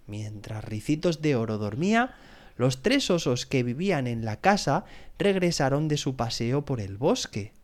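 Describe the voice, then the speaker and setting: A man narrating a children's story with an expressive, animated reading as a podcast host. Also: medium pitch, measured pace. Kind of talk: scripted bedtime story narration.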